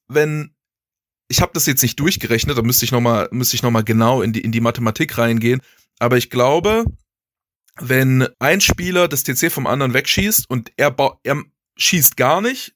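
A man's voice: medium pitch, a bit bright, no echo, studio quality. A man, casually explaining video game strategy, thinking aloud with restarts and chuckles. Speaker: guest strategy player.

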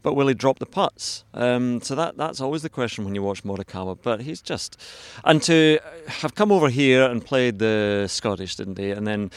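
A man's voice: medium pitch, animated, moderate pace, hardly any pauses, clear, resonant tone. A man chatting as a golf pundit, with a wry, rambling way of making his points. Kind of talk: casual studio discussion.

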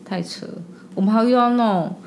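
A young woman with a Taiwanese Mandarin accent, talking bluntly and chattily on a podcast with quick interjections. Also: a little high, darkish tone, a little hiss or hum. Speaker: podcast guest, older sister. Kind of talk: casual chat.

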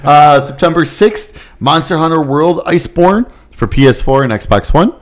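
A man's voice: fairly high pitch, expressive, moderate pace. A man co-hosting a casual gaming podcast, easygoing and agreeable, reading out release dates. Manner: easygoing, agreeable, short replies. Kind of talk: casual chat.

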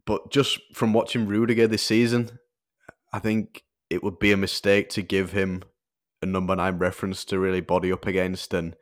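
A man with a very low, smooth voice discussing football on a podcast. He explains tactical matchups in a measured, analytical way and fills his pauses with soft "ums". The delivery stays relaxed and conversational throughout.

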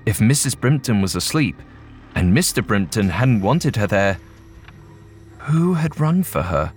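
A man tells a ghost story in a measured, suspenseful manner. His voice sits low and his pace is very slow and deliberate. Faint music plays beneath the narration. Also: very animated.

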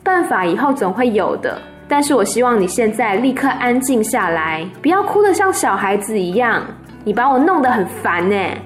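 A woman voicing a calm female spider with a soft, gentle voice, over faint music. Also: on the high side, moderate pace.

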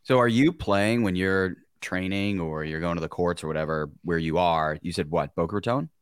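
Deep-voiced male interviewer, dry sound. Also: moderate pace, clear, resonant tone, no room sound. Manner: steady questioning with brief acknowledgments. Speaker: podcast co-host. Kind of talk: interview questions.

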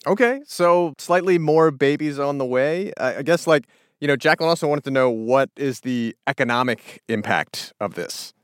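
A man's voice: medium pitch, moderate pace, clear, resonant tone, no room sound, clean studio sound. An American man speaking as a playful, conversational podcast co-host. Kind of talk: conversational radio hosting.

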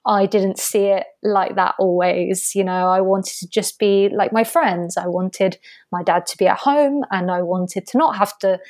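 A woman's voice: medium pitch, a little slow, darkish tone, dry recording. Woman, from Spain, interview guest, reflective storytelling, light laughs, dry close sound. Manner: open, reflective, often breaking into light laughter.

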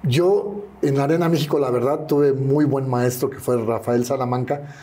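A man's voice: medium pitch, fairly even intonation, normal speed, dark tone. An older man with a Mexican Spanish accent, telling anecdotes as an interview guest and acting out the voices of people he quotes. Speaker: interview guest, retired wrestler. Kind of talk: casual storytelling interview.

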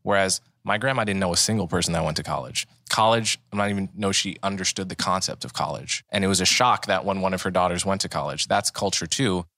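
Brief: male podcast host, very low voice, measured and explanatory, dry close recording. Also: pushed and bright, no echo. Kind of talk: conversational interview.

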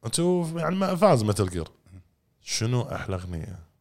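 A man, chatting excitedly as a podcast co-host and telling stories in quick bursts. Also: mid-range voice. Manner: excitable, rapid-fire storytelling. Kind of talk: casual podcast chat.

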